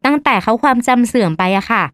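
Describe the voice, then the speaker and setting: A woman's voice: a little high, fast, fairly bright tone, no room sound, clean studio sound, close to an everyday voice. A woman voicing a weary older aunt who cares for her sick husband and talks in a chatty, complaining way.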